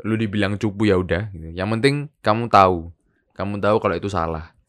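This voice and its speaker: A young man, chatting casually as a podcast co-host and telling stories with lively, acted-out voices. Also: low-pitched, fast. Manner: animated storytelling, acts out people he quotes; relaxed, laughs often. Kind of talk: casual chat.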